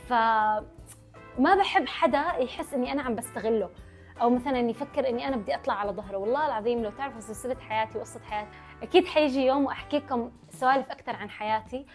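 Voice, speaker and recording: This young woman, a vlogger with a Levantine Arabic accent, casually responds to questions from her followers while faint music plays behind her. Her voice is on the high side, and she rushes, running her words into one another.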